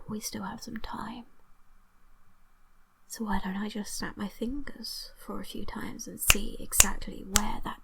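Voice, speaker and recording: Her medium-pitched whisper is breathy yet pushed and bright as she conducts an ASMR hypnosis session close to the mic. She coaxes with repeated suggestions and lingering pauses, and the recording quality is low.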